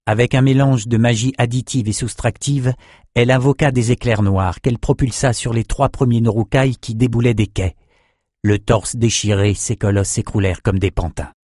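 A man narrating a fantasy audiobook with even, measured storytelling. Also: medium pitch, no echo, clean studio sound.

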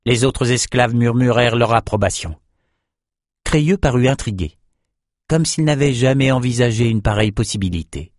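A man narrating a fantasy audiobook in a measured, even storytelling manner. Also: mid-range voice, no room sound, clean studio sound.

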